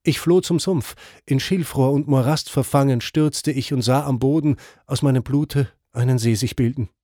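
Brief: the grave soul of a murdered man, as a man reads him, mellow and dry. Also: medium pitch, moderate pace, no room sound, close to an everyday voice. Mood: solemn. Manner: solemn, grave recounting. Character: murdered man's soul, pleading for prayers.

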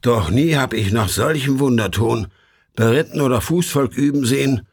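A man reading an epic poem aloud in measured, solemn audiobook narration. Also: mid-range voice. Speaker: audiobook reader.

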